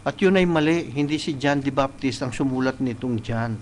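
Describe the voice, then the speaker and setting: A male preacher delivering a live church sermon. He mixes Tagalog and English, often checks in with "no?", and reads scripture slowly and deliberately. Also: mid-range voice, darkish tone, a little hiss or hum, low-quality recording. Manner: switches between Tagalog and English, tagging points with "no?". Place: church service, streamed live.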